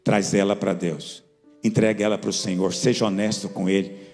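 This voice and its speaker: A man preaching a sermon as pastor, emphatic and joking with his congregation, leaping up into high shouts. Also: flat delivery, moderate pace. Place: church hall with congregation. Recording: reverberant church hall with soft music.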